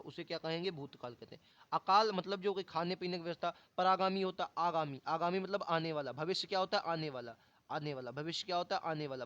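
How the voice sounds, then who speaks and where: A man with a fairly high voice runs a casual exam-prep lesson. He fires rhetorical questions at his viewers and answers them himself, repeating each key word. The sound is dull and lo-fi. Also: fairly bright tone, dry recording. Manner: colloquial, addresses viewers as brothers and friends. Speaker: Hindi teacher for exam practice. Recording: dull lo-fi audio.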